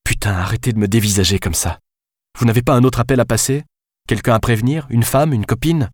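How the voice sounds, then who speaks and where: A man's voice: mid-range voice, brisk, dry recording, clean studio sound, pitched above the performer's own voice, lightly acted. A man reading an audiobook, voicing a panicked young female police detective who talks urgently and snaps at people. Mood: exasperated. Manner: urgent, desperate, snapping.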